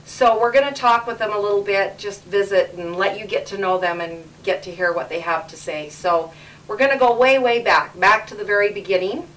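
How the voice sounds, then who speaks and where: A woman's voice: medium pitch, fairly quick, fairly bright tone, recorded from a distance, low-quality recording. A middle-aged woman from Canada hosting a casual home interview with her parents, chatty and repeating words for emphasis, recorded as old camcorder audio.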